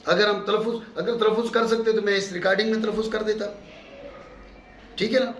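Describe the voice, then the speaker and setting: A man's voice: high voice, steady tone. A middle-aged man from Pakistan giving a classroom lecture as a religious teacher, emphatic, repeating key terms and checking in with his students. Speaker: mufti teaching a course. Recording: echoey room with faint background hum.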